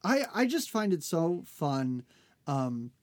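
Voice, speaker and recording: A woman's voice: low voice, slow pace, no echo. Chatty woman podcast cohost, casual recap, laughs a lot, dry close mic. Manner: chatty, animated, laughs often, quotes characters. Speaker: podcast co-host. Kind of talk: casual episode recap chat.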